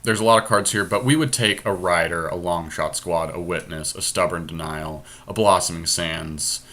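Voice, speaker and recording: Co-hosting a card draft on a podcast, a man casually thinks aloud and breaks down his picks analytically. His voice is deep and a bit bright at a moderate pace, captured in an amateur screen recording with faint noise.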